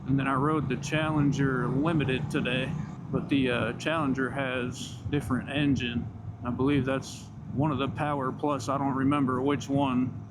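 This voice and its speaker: A man's voice: mid-range voice, flat delivery, moderate pace. A man giving casual, slangy, enthusiastic but laid-back commentary while riding a motorcycle outdoors. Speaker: motorcycle vlogger. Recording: loud engine and riding noise.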